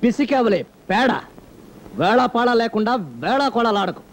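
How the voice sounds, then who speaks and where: An actor playing a flustered, wisecracking young bridegroom in a film comedy, with quick, exclamatory delivery. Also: male voice, extremely high pitch.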